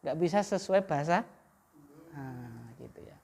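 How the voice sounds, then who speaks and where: A woman's voice: deep voice, expressive, measured pace, creaky, dark tone, a little hiss or hum. A woman teaching Arabic grammar, often leaving a sentence open for students to finish. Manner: quizzes the class with half-finished questions. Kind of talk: classroom lesson.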